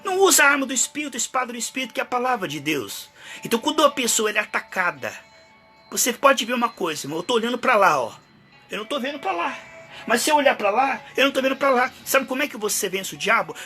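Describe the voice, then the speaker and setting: A pastor preaching fervently, acting out prayers and the listener's doubts. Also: male voice, high-pitched, sharp tone. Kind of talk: sermon.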